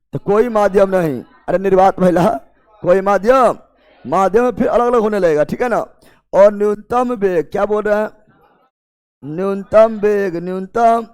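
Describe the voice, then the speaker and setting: Speaking with a Bihari accent, this coaching-class teacher has a high-sitting voice that is darkish, clear and resonant. His lecture runs on drilled question and answer, with dictation-style repetition and playful, informal jabs at his students.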